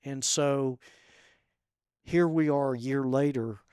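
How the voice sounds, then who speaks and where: Brief: male guest, gentle halting storyteller, close dry sound. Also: medium pitch, clean tone, no echo. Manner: soft-spoken and halting, with many fillers. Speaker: podcast guest. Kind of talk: personal storytelling.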